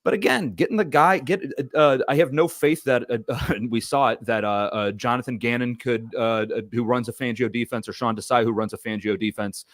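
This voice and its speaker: A man's voice: medium pitch, brisk, few pauses, no echo, studio quality. A man co-hosting a casual sports talk show, rambling with many restarts and fillers. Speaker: podcast co-host.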